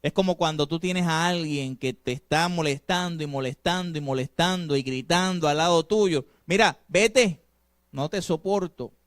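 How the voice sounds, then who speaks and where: A male pastor delivering a sermon, preaching emphatically and swinging between loud and soft passages while asking the congregation rhetorical questions. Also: on the high side, moderate pace, few pauses, clear, resonant tone, dry recording, clean studio sound.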